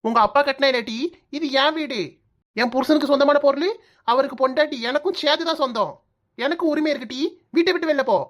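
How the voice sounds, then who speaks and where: A woman's voice: high voice, fast talker, lo-fi sound, lightly acted. A woman voicing a cheeky, lazy young daughter-in-law in a comic cartoon, teasing her in-laws in a Kanyakumari Tamil accent. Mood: defiant. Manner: teasing, mocking, brash.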